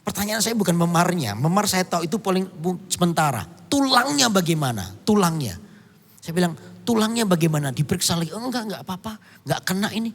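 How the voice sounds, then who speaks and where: High-voiced storytelling pastor man. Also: lively intonation, fast talker, in a large hall. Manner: storytelling, bursts into song and shouts. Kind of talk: sermon.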